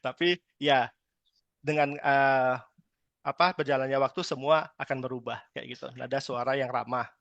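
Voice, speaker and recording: A man from Medan giving a lively training talk on customer service, acting out customers now and then. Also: mid-range voice, normal speed, vocal fry, no room sound, muffled recording. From Medan, Indonesia. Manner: lively, chatty, acts out customer lines. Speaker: sales trainer.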